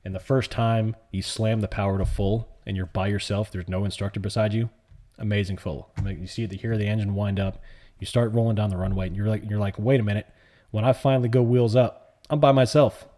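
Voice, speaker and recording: His voice is fairly low, steady and warm, and he talks briskly as he hosts a casual live trading stream. This options trader, a New York City native raised in the US South, wanders from point to point, answering chat questions as they pop up.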